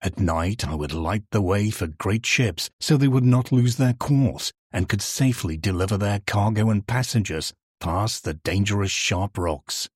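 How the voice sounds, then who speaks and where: A man voicing an old, lonely male street lantern in a storybook reading, complaining and daydreaming, with a husky voice. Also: lowish voice, expressive, unhurried, hardly any pauses, dry recording, studio quality. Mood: dreaming.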